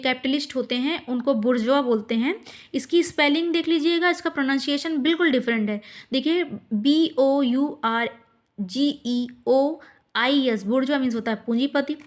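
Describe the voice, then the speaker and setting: A woman teaching difficult English words to exam students, patiently repeating each word and its meaning and spelling it out letter by letter, with frequent pauses and fillers. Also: high-pitched. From India.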